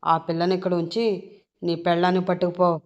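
Arrogant male villain boss, loud and threatening, sneering, voiced by a female narrator in an audio drama. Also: fairly low pitch, level tone, brisk, highs cut off, lightly acted. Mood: harsh.

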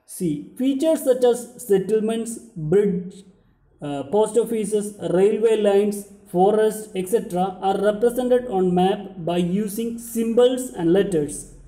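Young guy lecturing like a teacher, really soft mellow tone, repeats his points, echoey room. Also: high-pitched, takes it slowly. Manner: lecturing, explanatory, repeating and rephrasing key points. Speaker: geography teacher. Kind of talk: slide lecture. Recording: roomy indoor echo.

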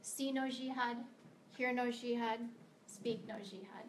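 A fairly high-pitched, steady, unhurried voice belongs to a middle-aged American woman addressing a meeting as a guest author. Her prepared speech in the library meeting room is earnest and emphatic, with occasional stumbles and a little hiss or hum.

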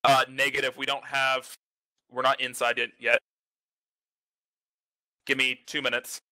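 A man's voice: mid-range voice, level tone, measured pace, bright, forceful tone, dry recording, low-quality recording. A man leading a squad in an online war game, giving brief, matter-of-fact status reports over voice chat.

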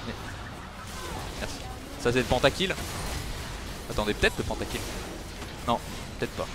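A man's voice: medium pitch, expressive, moderate pace, over music. A young man, chatting casually with his viewers while playing and teasing them back. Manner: chatty, teasing, answering chat. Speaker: streamer. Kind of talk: casual gameplay commentary with chat.

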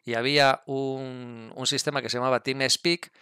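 A middle-aged man from Spain, with a Spanish accent, talks casually to camera as a video creator, gamer and motorcyclist, often checking in with his listeners. His medium-pitched voice stays fairly level, at a normal speed, with a sharp, clean tone. He sits indoors at a desk with a computer, speaking close into a gaming headset mic, and the studio-quality recording has no room sound.

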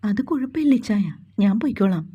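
A woman's voice: medium pitch, lively intonation, fast talker, slightly rough, dull audio. Woman reading as a hesitant young woman doctor. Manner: soft, pleading.

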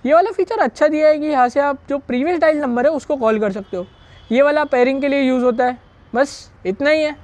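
Talking fairly quickly in a high, slightly mellow voice, a gear reviewer installs a product one step at a time. She's chatty and relaxed, describing each move as she makes it.

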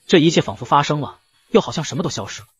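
A man tells a comic story at speed in scripted narration. His pitch swings a lot and sits a bit high, with a brisk, lively storyteller's drive. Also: lo-fi sound.

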